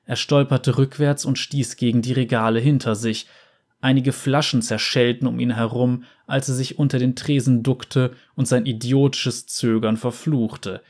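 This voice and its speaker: A man narrating a fantasy story in a calm, steady voice. His pitch sits in an ordinary middle range. He reads evenly and with care, as in a book read aloud.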